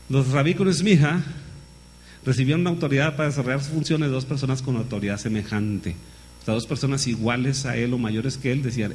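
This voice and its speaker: A man delivers a sermon in an even, mid-range voice, leaning on rhetorical questions and calling his listeners brother. His delivery is lively and direct, with a faint hum behind him. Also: medium pitch. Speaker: preacher.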